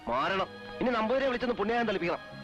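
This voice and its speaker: A man's voice: fairly high pitch, lively intonation, a little fast, a bit bright, muffled recording, soft background music. An actor playing a devout middle-aged man who heads a traditional household, speaking in a stern, formal way that turns earnest. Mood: stern, angry. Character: devout middle-aged man, strict but kind-hearted. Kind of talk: 1980s film drama.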